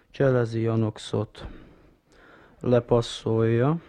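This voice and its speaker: Actor as gravelly, deadpan male football commentator. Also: medium pitch, lightly acted. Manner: deadpan, laconic, short halting phrases. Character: indifferent, unbothered male football commentator stating the obvious. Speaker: sports commentator. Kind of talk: football commentary, comic radio sketch.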